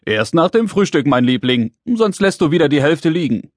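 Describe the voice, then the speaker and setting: A kind, patient father from a children's storybook, speaking in a calm and gentle way, as a male reader plays him. His voice is slightly husky and lively. It stays warm and unhurried. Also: on the high side, dry recording, studio quality. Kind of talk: children's audiobook character voice.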